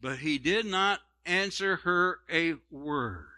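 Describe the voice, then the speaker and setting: A male pastor delivers a sermon and tells the story in an animated, folksy way, with homespun asides. His voice sits high and cuts through with a sharp, bright edge. He often stumbles and repeats words as he goes. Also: slow pace.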